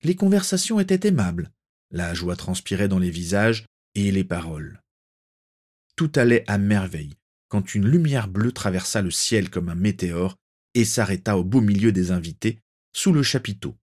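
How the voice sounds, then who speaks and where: A man narrating a fan-fiction story aloud in a measured, dramatic storytelling way. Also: deep voice, darkish tone.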